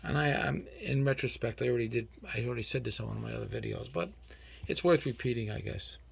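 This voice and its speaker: A man's voice: medium pitch, quick pace, vocal fry, slightly rough. A man with a North Jersey Italian-American accent chatting casually and telling stories in a blunt, colloquial way. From New Jersey. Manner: colloquial, blunt, animated retelling with acted-out quotes and Italian dialect phrases. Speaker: vlogger. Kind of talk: casual chat, storytelling.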